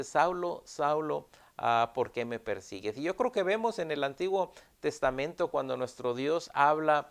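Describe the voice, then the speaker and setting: A male pastor preaches an earnest sermon, returning again and again to his key phrases and bridging gaps with a drawn "ah". His voice is smooth and resonant, pitched a little above the usual for a man.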